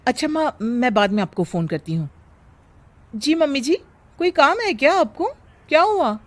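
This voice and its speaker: A woman voicing a harried young working mother and daughter-in-law in a story, expressive and exasperated. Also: sits high, moderate pace, pitched above the performer's own voice. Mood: polite, harried.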